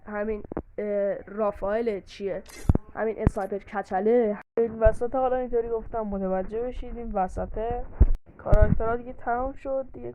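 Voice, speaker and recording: A woman's voice: fairly high pitch, narrow, tinny audio, a little hiss or hum. A woman casually narrating a game guide, chatty and explaining things with examples and many fillers. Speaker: gaming YouTuber.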